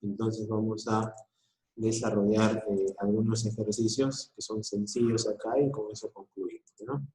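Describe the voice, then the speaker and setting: A man's voice: fairly low pitch, fairly even intonation, measured pace, warm tone, echoey room, low-quality recording. A male school teacher giving a recorded online class, explaining patiently and often checking in with short questions.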